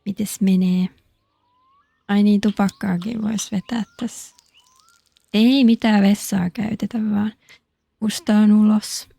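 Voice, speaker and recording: A woman streamer chats playfully through her game, joking to herself and her viewers. Her voice is mellow and relaxed at a middle pitch. It is recorded dry and close. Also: gravelly, long pauses, no echo. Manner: playful, jokey, chatty. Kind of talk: casual game commentary.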